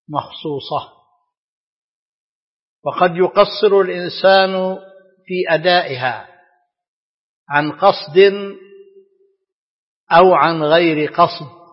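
A man giving a scripted religious lecture in formal standard Arabic, as a scholar, with measured, deliberate phrasing broken by pauses. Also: on the high side, husky. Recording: dull lo-fi, long hall reverb.

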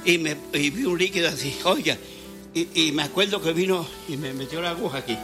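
A man's voice: on the high side, a little fast, music in the background. A man preaching a fervent sermon, telling stories and acting out the dialogue with frequent laughter. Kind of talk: Spanish sermon with testimony.

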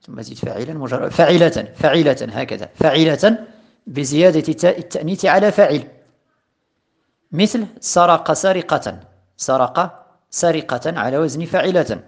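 Slow, deliberate male grammar teacher. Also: fairly high pitch, animated. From Morocco. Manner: slow, deliberate, repeats and stresses patterns. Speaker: teacher of Arabic morphology. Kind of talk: recorded lesson explaining a grammar poem.

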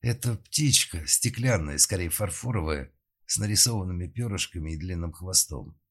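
A man voicing a frightened young woman who recalls her past slowly and haltingly under hypnosis, in an audiobook. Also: deep voice, lively intonation, breathy edge, full character voice. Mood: hesitant.

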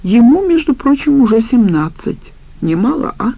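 A woman voicing a spiteful, scheming woman in an audiobook, talking in a sharp, mocking way. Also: fairly high pitch, big pitch swings, moderate pace, vocal fry, highs cut off, pitched above the performer's own voice, heavily acted. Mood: bitter. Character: spiteful scheming woman, the criminal's former partner.

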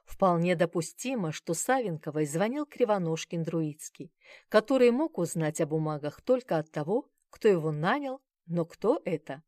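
A woman's voice: lowish voice, expressive, normal speed, a little mellow, no echo, studio quality. A woman narrating a detective story in the first person, wry and matter-of-fact. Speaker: audiobook narrator.

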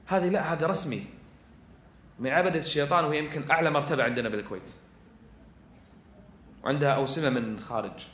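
A man preaching with a Kuwaiti accent, moving from quiet asides to loud, fervent exhortation. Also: on the high side, quick pace, pauses often, a little hiss or hum. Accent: Kuwaiti Arabic. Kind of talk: religious lecture to an audience. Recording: echoey room.

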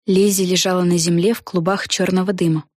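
A woman narrating a children's fantasy audiobook in a lively, expressive way. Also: lowish voice, a little fast, no echo, studio quality. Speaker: audiobook reader. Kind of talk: storybook narration.

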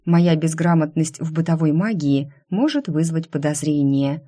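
A woman voicing a brash, sharp-tongued young woman heroine in an audiobook, snapping loudly and indignantly. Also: low voice. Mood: weary. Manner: loud, indignant, quick to snap. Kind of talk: audiobook character voice.

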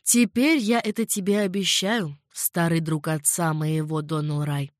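A woman's voice: low-pitched, steady tone, unhurried, dry recording, clean studio sound. Assured young sea captain, read by a woman.

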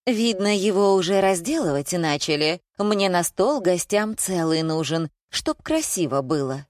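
A woman doing a greedy shouting aunt-shopper. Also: on the low side, animated, measured pace, dry recording, studio quality. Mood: bossy. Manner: shouting, grabby. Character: greedy loud middle-aged woman shopper.

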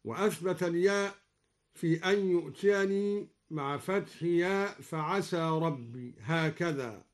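A man with an Egyptian accent, a Quran scholar on live radio, explaining reading variants and chanting each verse slowly and melodically. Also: on the high side. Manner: alternates plain explanation with slow melodic recitation. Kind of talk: explanatory talk with slow chanted Quran examples. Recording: live radio broadcast recording.

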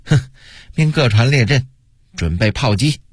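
A male storyteller voicing a confident fleet admiral who gives orders in a calm, decisive way. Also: medium pitch, normal speed, breathy edge, no echo, studio quality. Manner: self-assured, decisive.

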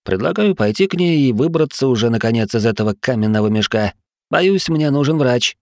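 A man's voice: mid-range voice, lively intonation, fairly quick, no echo, clean studio sound, pitched above the performer's own voice, lightly acted. A man voicing the wary male companions in a reading, in a raised, urgent voice. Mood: tense.

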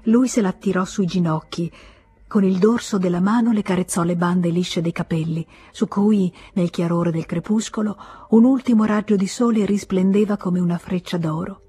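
Lettrice con voce molto velata e bassa. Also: female voice, moderate pace, breathy edge. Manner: expressive, voices the characters' dialogue with feeling. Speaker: audiobook narrator. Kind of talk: dramatic literary reading.

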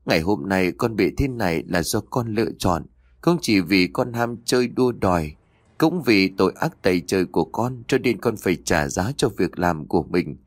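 A man's voice: sits low, animated, moderate pace, dry recording. A man playing a dying young woman in a ghost story audiobook, faint and remorseful. The voice is thin and weak, recorded close and dry. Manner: faint, whispery.

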